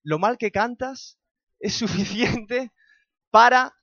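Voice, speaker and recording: A man with a Spain Spanish accent voicing his joking father in a sermon anecdote, a bit lower than his usual tone. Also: takes it slowly, fairly bright tone, no room sound, highs cut off, exaggerated voice. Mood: teasing. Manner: dry, joking. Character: teasing dad advising his scared son.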